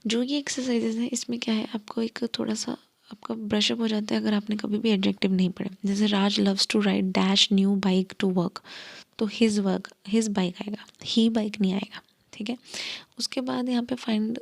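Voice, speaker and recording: Female grammar teacher, creaky tone, patient step-by-step explainer, whispers example words. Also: on the high side, level tone, moderate pace, a little mellow. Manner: explains examples step by step, mixing Hindi and English. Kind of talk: Hindi-English grammar lesson.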